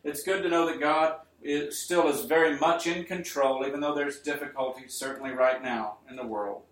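A male preacher giving an earnest sermon to his congregation, building up to emphatic points and then easing into quiet appeals. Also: fairly high pitch, fairly even intonation, normal speed. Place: church. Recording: roomy church sound, mic at a distance.

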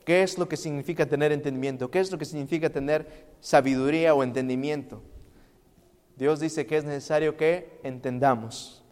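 A man's voice: on the high side, moderate pace. Impassioned male preacher in a reverberant church. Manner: swings from quiet to loud, impassioned preaching; asks the congregation questions. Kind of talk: sermon. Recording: long hall reverb.

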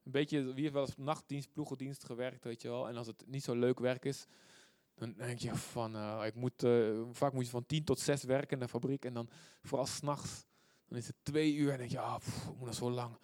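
A man preaching a sermon, reading scripture out loud with force and dropping to quiet asides, often putting questions to his listeners. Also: mid-range voice, fairly even intonation, normal speed, dry recording, studio quality. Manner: asks the audience questions often.

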